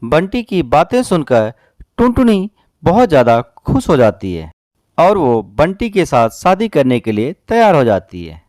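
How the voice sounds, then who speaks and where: Expressive male storybook narrator. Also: on the high side, a little slow, dry recording, studio quality.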